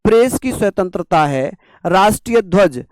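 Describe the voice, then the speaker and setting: A male teacher with a fairly high, smooth and resonant voice delivers a classroom lecture. He keeps asking rhetorical questions and slowly repeats the key terms. The sound is dry, with no room echo. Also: animated, darkish tone.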